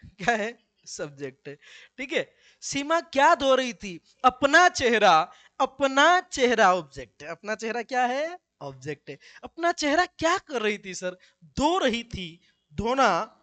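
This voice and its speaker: A man's voice: high-pitched, fairly bright tone, no room sound. A male teacher giving a classroom grammar lesson, with joking asides and slips into local dialect.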